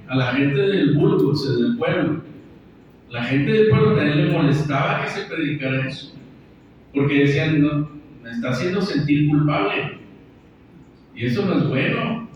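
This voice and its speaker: A man's voice: mid-range voice, a little hiss or hum. A man preaching a sermon in a church, talking in a conversational way and answering his own questions. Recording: echoey church from far off, dull.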